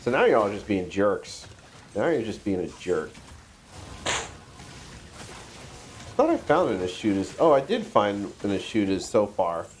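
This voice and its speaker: A man's voice: lowish voice, very animated, measured pace, pauses often, a little hiss or hum. A congested man with a stuffy nose, chatting casually to himself and swearing offhandedly while streaming a game. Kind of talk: casual gameplay livestream commentary.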